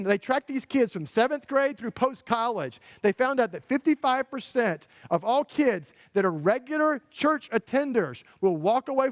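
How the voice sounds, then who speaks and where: High-voiced man preaching a story sermon. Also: no room sound, studio quality. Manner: conversational, emphatic, rhetorical questions to parents. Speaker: guest preacher. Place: church sanctuary.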